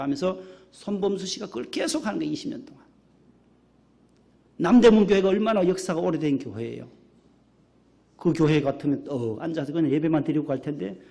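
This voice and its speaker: A middle-aged pastor delivers a church sermon in a somewhat high, gravelly voice. He keeps it lively, firing questions at the congregation and acting out friendly greetings. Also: fairly quick, long pauses. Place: church sanctuary.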